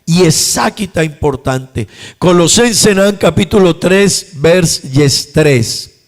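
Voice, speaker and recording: A man's voice: fairly high pitch, lively intonation, slow pace. A man with an Aruban accent, a pastor preaching a sermon in a church, repeating his points with emphasis and rising in volume on key lines. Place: church sanctuary.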